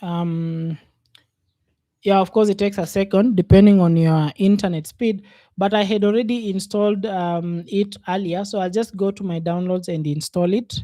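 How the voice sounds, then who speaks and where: Mellow-voiced man teaching coding. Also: high voice, steady tone, dry recording, studio quality. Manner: unhurried, thinks aloud with many fillers. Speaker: programming instructor. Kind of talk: casual screen-share coding lesson.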